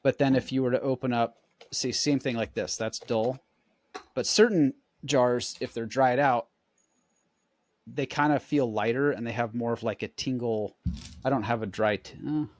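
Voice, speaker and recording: A man co-hosting a podcast, chatting in a relaxed, explanatory way and demonstrating as he talks. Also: mid-range voice, moderate pace, no room sound. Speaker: podcast co-host. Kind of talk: casual chat.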